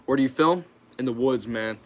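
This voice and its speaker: A man's voice: mid-range voice, brisk, a little hiss or hum. Young american guy doing a laid-back stream q&a, kinda hesitant, reads questions then answers. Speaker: YouTube channel host. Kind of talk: casual livestream Q&A chat.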